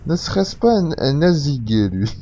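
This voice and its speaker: A man's voice: on the high side, sing-song, moderate pace, mellow, lo-fi sound, slight background noise. A man giving casual let's play commentary, chatty, laughing often and swearing freely. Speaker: gamer.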